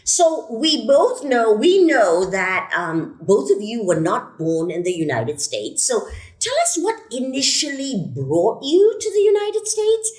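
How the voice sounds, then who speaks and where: Enthusiastic woman host, lively pitch. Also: unhurried, reverberant. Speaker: host, program director. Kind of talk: scripted podcast introduction.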